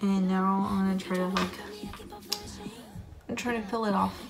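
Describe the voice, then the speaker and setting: A woman's voice: medium pitch, fairly even intonation, normal speed, vocal fry. A young woman vlogging casually while wearing a face mask, chatty and loose. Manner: casual, swears freely. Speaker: beauty vlogger. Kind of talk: casual vlog chat. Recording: roomy echo with music behind.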